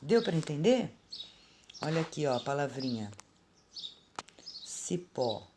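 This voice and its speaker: Slow, patient Brazilian woman teacher. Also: low-pitched, sing-song, noisy background. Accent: Brazilian Portuguese. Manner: slow, patient and explanatory, calling out words aloud. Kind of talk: remote grammar lesson for children. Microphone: phone.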